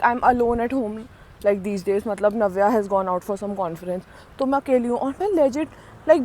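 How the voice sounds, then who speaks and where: A woman's voice: on the high side, poor audio. A young woman from India chatting and joking as she vlogs her day out on city streets, filming on a handheld phone. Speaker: vlogger. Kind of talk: casual vlog chat. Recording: faint street noise outdoors.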